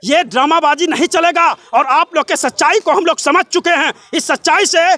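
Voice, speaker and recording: High-pitched young Bihari man, breathless run-on tirade. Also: moderate pace. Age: young adult. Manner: breathless run-on delivery, piling up clauses; forceful, rhetorical questions and repetition. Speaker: job candidate and protester being interviewed. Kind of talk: impassioned interview tirade.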